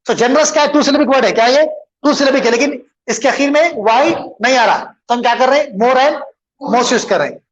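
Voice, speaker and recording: A man's voice: very high-pitched, brisk, dull audio. A man teaching an English grammar lesson, switching between English and Hindustani and answering his own questions as he goes. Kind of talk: bilingual classroom lesson.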